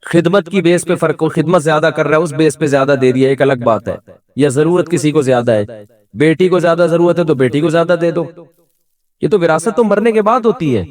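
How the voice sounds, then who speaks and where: A middle-aged man giving a conversational religious lecture with humor, asking his listeners questions and acting out quoted voices. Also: a little high. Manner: animated, humorous, asks the audience questions; acts out quoted voices within the talk. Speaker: Islamic scholar giving a talk.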